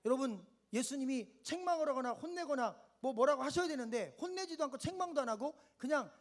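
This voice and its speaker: A pastor with an extremely high-pitched, animated voice preaches briskly at a winter camp, leading the congregation to repeat lines and respond with amen. He poses questions and answers them himself in short steps.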